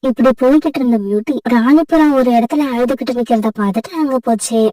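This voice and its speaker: Mellow high-voiced woman narrating a storybook. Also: fast, no echo, recorded from a distance, low-quality recording.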